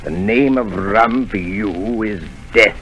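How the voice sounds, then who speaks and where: An actor playing Doctor Livesey, a brisk, stern country doctor with a scolding, authoritative manner, in a 1930s radio drama. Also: male voice, fairly low pitch, lo-fi sound. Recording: old radio broadcast with music.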